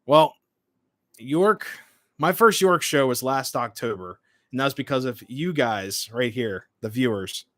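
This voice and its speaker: A man in his late twenties speaks as a livestream host in an informal, chatty way. His voice sits at an average pitch with very little room sound. He moves between short remarks and replies to comments. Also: expressive, measured pace, fairly bright tone, no room sound, clean studio sound. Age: late 20s. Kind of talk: casual livestream chat, reading and answering comments.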